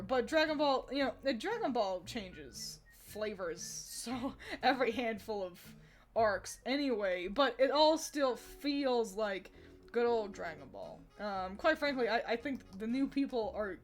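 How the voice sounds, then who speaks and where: Woman streamer, higher voice, loose and giggly casual chat with her audience. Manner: rambling and giggly, laughs often between thoughts.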